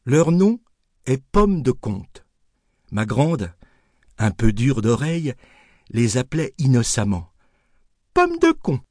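A man's voice: medium pitch, slow, long pauses, no echo. Man reading an audiobook, lots of melody in the voice, super dry close sound. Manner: expressive, storytelling. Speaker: audiobook narrator. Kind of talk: scripted narration.

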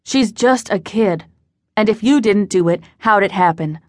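A woman reading as a frightened mother, tearful and pleading, her voice pitched up with distress in an audiobook scene. The sound is close and dry. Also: measured pace, darkish tone, dry recording, lightly acted. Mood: upset.

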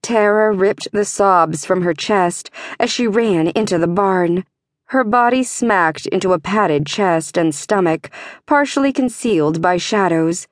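A woman narrating a fantasy audiobook in a measured, tense way. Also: mid-range voice, no room sound, studio quality.

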